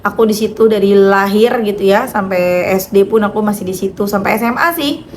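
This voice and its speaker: A woman from North talks straight to her viewers. Her speech is loud, quick and blunt, and it sits at an ordinary middle pitch. Faint ambient hiss is heard behind her. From North Jakarta, Indonesia. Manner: loud, fast, blunt way of talking. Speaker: vlogger and author. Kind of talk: casual chat to viewers.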